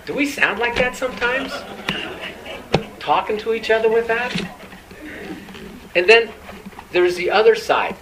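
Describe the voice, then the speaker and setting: Brief: male pastor, conversational sermon, fond of rhetorical questions, voice on the higher side. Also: a little slow, pauses often, distant mic, heavy background noise.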